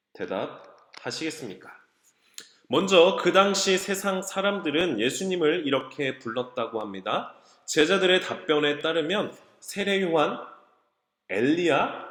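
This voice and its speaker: A man giving a children's sermon, telling the story slowly with emphatic exclamations, recorded in a church. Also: fairly high pitch, a bit bright. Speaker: children's ministry preacher. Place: church sanctuary. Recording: echoey church hall.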